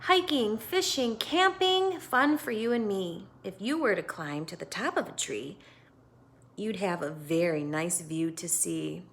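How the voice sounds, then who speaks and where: Here the American teacher reads aloud from a picture book, stopping to question the children listening, in an expressive and instructive style. Her voice is mid-range.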